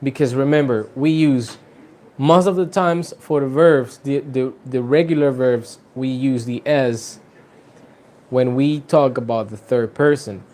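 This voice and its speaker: A man's voice: mid-range voice, slow, darkish tone. A man teaching an English lesson to Spanish speakers, switching between Spanish and English and stretching out his example sentences.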